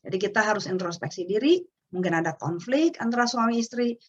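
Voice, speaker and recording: A woman's voice: medium pitch, brisk, breathy edge, muffled recording. A middle-aged woman with an Indonesian accent, speaking casually and animatedly as a parenting webinar speaker. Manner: chatty, animated storytelling with acted quotes. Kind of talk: casual talk. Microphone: webinar microphone.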